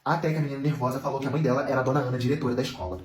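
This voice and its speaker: A man telling a gossipy school story in an animated, chatty way. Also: mid-range voice, racing, reverberant. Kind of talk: casual spoken storytelling.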